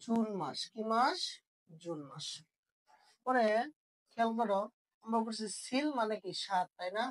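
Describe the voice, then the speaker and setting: A woman's voice: a little high, unhurried, rough recording. A woman teaching an online language lesson, asking questions and answering them herself.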